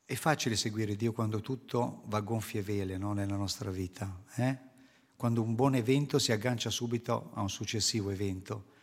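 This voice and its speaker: A man delivers an earnest sermon, his voice low and a little husky. He explains scripture and puts rhetorical questions to his listeners. A long reverb trails his words through the hall. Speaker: preacher.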